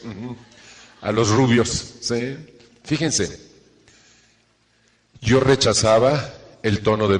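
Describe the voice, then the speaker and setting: A man's voice: lowish voice, long reverb tail. A middle-aged man, giving an earnest self-help talk to a live audience and checking in with rhetorical questions.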